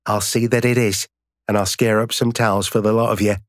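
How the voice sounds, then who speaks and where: A man voicing a brisk, kindly older woman with a Yorkshire accent who runs a pub, in an audiobook. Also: lowish voice, flat delivery, no echo, clean studio sound, lightly acted.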